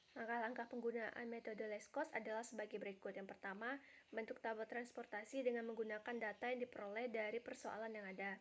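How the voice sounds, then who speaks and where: A young adult woman, a university student, reading out a class presentation in a steady, step-by-step way. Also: on the high side. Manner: steady, reads each step in order. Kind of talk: read-aloud class presentation.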